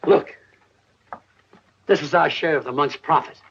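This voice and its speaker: An actor playing a kindly older immigrant father, with a warm, folksy manner in 1950s film acting. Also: on the high side, measured pace, gravelly, a little hiss or hum. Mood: fond. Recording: dull old film soundtrack.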